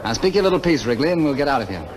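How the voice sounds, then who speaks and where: A man's voice: medium pitch, big pitch swings, racing, a crowd in the background, background noise, lightly acted. An actor playing a bossy, flippant man about town, clipped and sarcastic, in 1930s screwball comedy film banter.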